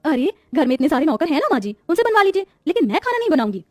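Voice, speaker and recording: A woman's voice: high voice, big pitch swings, rapid-fire, darkish tone, pitched above the performer's own voice. A woman voicing a stubborn, spoiled young bride in a cartoon story who talks in a petulant way. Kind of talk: Hindi cartoon voice acting.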